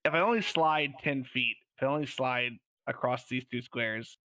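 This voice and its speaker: A man playing in a tabletop game, animated and theatrical, laughing as he talks. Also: medium pitch, moderate pace, dry recording, rough recording. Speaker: player. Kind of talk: casual tabletop chat.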